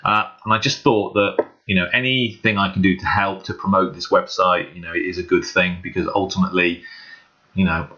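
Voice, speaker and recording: A man hosts a hobbyist screen walkthrough vlog, speaking casually and earnestly in an unscripted, hesitant way. His low voice is brisk, pushed and bright with fairly even intonation, captured on a dull, muffled lo-fi microphone.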